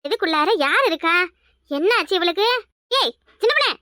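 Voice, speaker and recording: Shrill scolding Kanyakumari mother-in-law. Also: lively intonation, brisk, pushed and bright, no echo, studio quality, heavily acted. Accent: Kanyakumari Tamil. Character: sharp-tongued older village mother-in-law. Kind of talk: cartoon voice acting.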